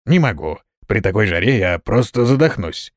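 A man's voice: lowish voice, animated, moderate pace, no room sound, studio quality. Figure: dwarf servant. Man voicing a whiny dwarf. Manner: complaining, plaintive. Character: grumbling male dwarf servant, loyal and whiny.

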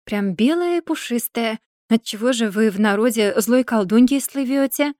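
A woman's voice: fairly high pitch, dark tone, no echo, clean studio sound, lightly acted. Woman doing an exasperated young wife. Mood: sarcastic. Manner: pleading and sarcastic, drawn-out complaints. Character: exasperated young wife, sharp-tongued and plaintive.

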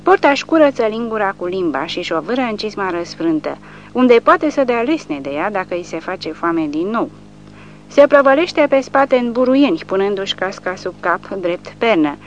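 A woman narrating an audiobook of a war novel in a steady storytelling way. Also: mid-range voice. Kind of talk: reading a war novel aloud. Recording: dull lo-fi with faint hum.

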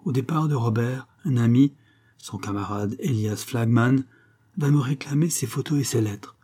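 A frightened young mother pours out a hushed confession in an audiobook, as a man reads her lines. The voice is dark and mellow, with a husky grain. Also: medium pitch, normal speed, lightly acted. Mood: pleading. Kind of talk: audiobook reading.

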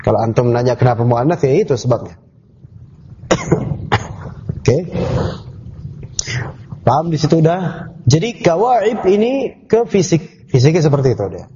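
A man's voice: on the high side, big pitch swings, a little slow, pauses often, warm tone. A man teaching a classroom lesson on scripture, explaining terms step by step and asking the class questions. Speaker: Islamic teacher. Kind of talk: classroom tafsir lecture. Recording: dull lo-fi class recording.

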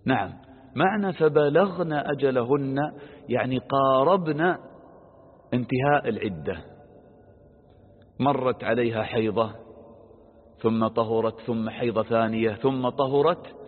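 Husky man teaching in a reverberant hall. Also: mid-range voice, measured pace, pauses often. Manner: poses questions aloud and answers them, with everyday examples; stresses quoted verses with a raised voice. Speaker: Quran exegesis teacher. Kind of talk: religious lesson explaining verses. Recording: lo-fi phone-like sound with long reverb.

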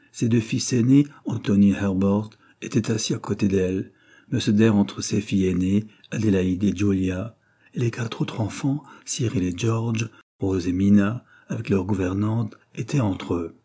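Husky low-voiced male narrator. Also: dark tone. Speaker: audiobook narrator. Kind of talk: reading a novel aloud.

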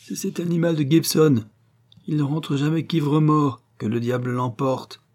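A man's voice: a little high, steady tone, measured pace, darkish tone, pitched above the performer's own voice. A man voicing a brusque, sour male hotel porter who grumbles in a storybook reading. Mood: grumbling. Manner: gruff, grumbling.

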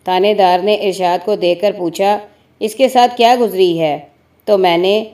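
A woman's voice: medium pitch, mellow, close to an everyday voice. A woman reading as a snappy, defiant wife. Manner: snappy, scolding. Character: sharp-tongued, defiant working-class wife.

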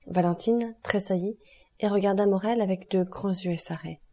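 Calm, measured female narrator for a classic novel audiobook, warm mellow tone. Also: mid-range voice. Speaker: audiobook reader.

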